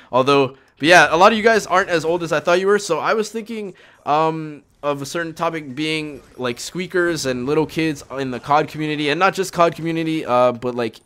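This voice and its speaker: A young man hosting a gaming video series chats casually over gameplay, rambling and hedging as he goes. His mid-range voice is smooth and a bit bright.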